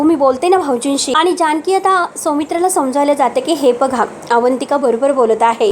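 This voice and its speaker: A woman giving a voice-over recap of a TV serial episode, retelling each line of dialogue in steady reported speech. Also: high voice, slight background noise. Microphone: voice-over recorded separately from the pictures.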